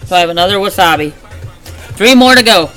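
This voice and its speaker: A woman's voice: mid-range voice, expressive, fast talker, a bit bright, faint music behind, poor audio. A woman hosting a casual toy unboxing, chatty and narrating each find while she has the hiccups. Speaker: channel host.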